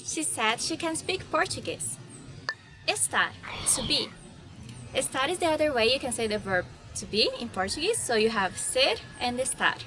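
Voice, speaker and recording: A woman's voice: sits high, lively intonation, a little slow, music in the background. A woman, explaining verbs with examples as a language teacher. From Brazil. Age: 20s. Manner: friendly, explanatory, gives examples.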